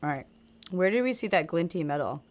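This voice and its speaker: A woman chatting casually while she plays a game, rambling on and trailing off into quiet mutters as she focuses. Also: on the low side, lively intonation, a little fast. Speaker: game streamer.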